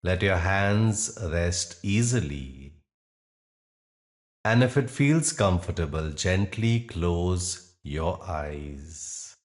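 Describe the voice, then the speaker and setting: A male meditation guide speaks in a deep register, unhurried, soothing and deliberate, leaving long pauses between phrases. His delivery is also animated.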